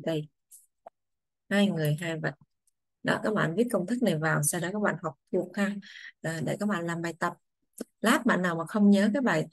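A woman English teacher, patiently explaining grammar to children, saying English phrases slowly before translating them. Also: on the low side, no room sound.

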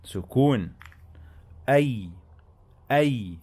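A man with an Egyptian accent teaching Arabic reading, slowly sounding out syllables one by one and then explaining in quicker asides. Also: mid-range voice, animated, a little mellow, slightly rough. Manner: slow, drawn-out syllable-by-syllable enunciation. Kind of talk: bilingual reading lesson.

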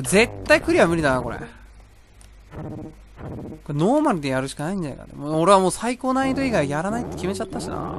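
A young man casually commentating a video game he is playing, talking to himself, rambling between exclamations. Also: sits high. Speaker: gameplay commentator. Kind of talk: casual let's-play commentary. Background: game music.

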